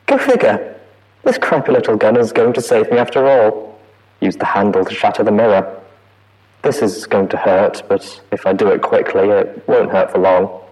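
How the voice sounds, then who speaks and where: Man playing a frantic trapped mare, loud, strained, tinny distant recording. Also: on the low side, moderate pace, breathy edge. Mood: desperate. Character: terrified trapped young mare in an audio log.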